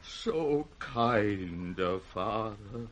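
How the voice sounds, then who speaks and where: A man's voice: on the low side, expressive, extremely slow. An actor playing an old, wounded and wrathful British king who fears madness, in 1960s radio Shakespeare on a noisy vintage recording. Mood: anguished, fearful.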